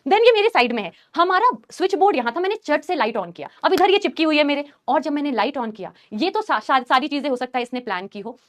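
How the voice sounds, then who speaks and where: A woman teacher telling a story to her students in a live class, animated and acting out the scenes. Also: high-pitched, quick pace, few pauses. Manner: animated, acts out scenes and shrieks.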